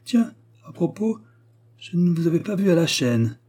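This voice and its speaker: A man's voice: high voice, big pitch swings, moderate pace, dark tone, slightly rough, pitched above the performer's own voice, exaggerated voice. A man reading aloud voices a brusque, mocking male estate steward who talks down to a frightened young man. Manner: brusque, sneering, menacing.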